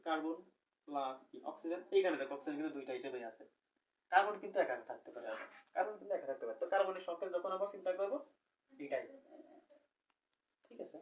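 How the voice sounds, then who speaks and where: A man's voice: a little high, distant mic, a little hiss or hum, poor audio. A young man teaching a recorded chemistry lecture, explaining step by step and asking the class questions, correcting himself as he goes.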